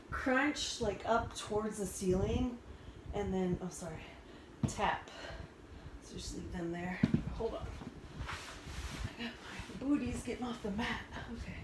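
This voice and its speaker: A woman leading a workout as a fitness instructor, explaining moves and counting reps informally, often thinking aloud. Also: medium pitch. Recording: roomy, far from mic, noisy.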